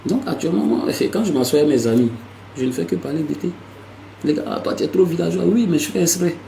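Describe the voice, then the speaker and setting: A man hosting a casual language lesson, lively and repetitive, with playful asides. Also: fairly high pitch, fast, gravelly, roomy sound, a little hiss or hum, low-quality recording. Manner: lively, repeats words, slips into playful asides. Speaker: language teacher hosting a segment.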